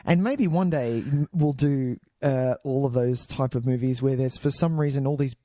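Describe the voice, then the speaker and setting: A man's voice: medium pitch, normal speed, mellow, studio quality. An Australian man co-hosting a casual movie review podcast, chatty and echoing his co-host's phrases. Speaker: podcast co-host.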